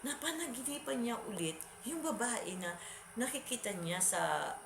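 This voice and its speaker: A woman's voice: fairly high pitch, lively intonation, normal speed, vocal fry. A woman vlogger telling a horror story in a casual, rambling way, repeating words and restarting. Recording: echoey room.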